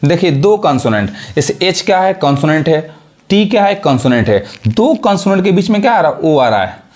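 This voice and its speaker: Somewhat fast and very animated, a man with a highish voice and a darkish tone runs a pronunciation lesson in English. Over and over he checks whether his students are keeping up, and he spells words out letter by letter.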